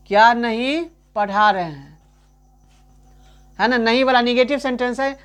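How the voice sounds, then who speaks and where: A man teaching a grammar lesson in a chatty way, keeps asking "right?", calls the listener his friend, and repeats example sentences slowly. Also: extremely high pitch, fairly bright tone, clean tone.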